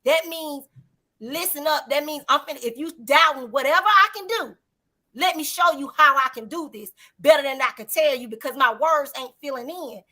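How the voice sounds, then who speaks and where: A high-pitched woman with a bright, clear tone chats as a talk show guest. She speaks earnestly and in a preaching way, leaning on faith and love as she talks. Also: fairly quick, low-quality recording. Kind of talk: casual talk show chat.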